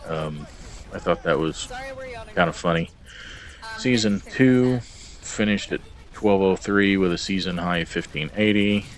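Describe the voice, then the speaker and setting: A man's voice: deep voice, a little slow, long pauses. A man recording a casual video log about his game stats, rambling and hesitant with plenty of ums and uhs. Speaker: gamer vlogger.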